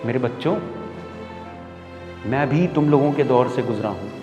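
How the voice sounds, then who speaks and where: A man's voice: mid-range voice, moderate pace, dull audio, lightly acted. A stage actor playing a stern but caring male schoolteacher who lectures his students, with an Indian accent. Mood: earnest. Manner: scolding, preachy, rising to loud outbursts. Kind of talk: theatre monologue. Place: stage in a hall. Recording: echoey hall with music behind.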